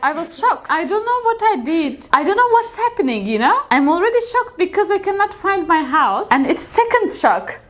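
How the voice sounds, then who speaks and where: A woman's voice: very high-pitched, sing-song, normal speed, hardly any pauses, fairly bright tone. A young woman from Azerbaijan with an Azerbaijani accent, telling stories in a casual interview and laughing often. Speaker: interview guest. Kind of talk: casual storytelling chat.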